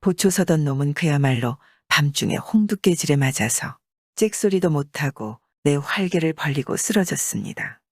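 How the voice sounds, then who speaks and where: A man's voice: fairly high pitch, no room sound, clean studio sound. Man narrating an old folk tale. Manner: measured, expressive storyteller. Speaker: audiobook narrator.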